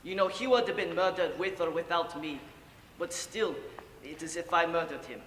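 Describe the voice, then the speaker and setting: A man plays an old, boozy Ukrainian grandfather confessing to his grandson, guilty and haunted, in a competitive dramatic monologue. His natural voice is high and bright, and he speaks halting, broken English punctuated by sighs and murmured asides. The recording is distant, in an echoey hall with audible room noise.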